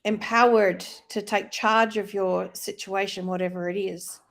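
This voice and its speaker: A woman's voice: mid-range voice, fairly even intonation, unhurried, vocal fry. A woman co-hosting a live online discussion, speaking in a reflective, explanatory, conversational way. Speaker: co-host of a live faith-based wellness discussion. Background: plane passing loudly overhead.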